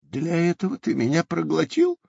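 A woman's voice: on the low side, very animated, normal speed, vocal fry, mellow, husky, no echo, heavily acted. A woman playing a big, stubborn female turtle in a children's audio play, indignant and scolding. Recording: slightly dull recording.

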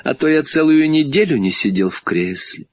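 A man reading a storybook aloud, voicing a timid, feverish young boy in a soft, slow, pleading voice. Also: a little high, animated, no echo, pitched above the performer's own voice.

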